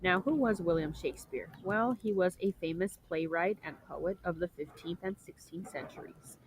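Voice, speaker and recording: A young woman talks through a class presentation in a fairly low voice. She explains patiently, circles back to rephrase her points, and clears her throat every so often. A faint hiss sits under the recording. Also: normal speed, rough recording. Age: young adult. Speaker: student presenter.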